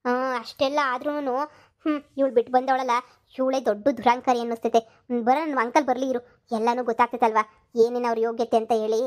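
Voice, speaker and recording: A woman's voice: a little high, fairly even intonation, fast, close to an everyday voice. A woman voicing a chatty young woman in a cartoon comedy, gossiping eagerly. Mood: gossipy.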